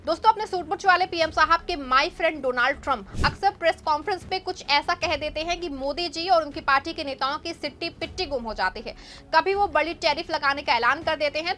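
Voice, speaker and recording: A woman's voice: high-pitched, sharp tone. A young woman anchoring a news show, reading scripted political commentary in a pointed, sarcastic way.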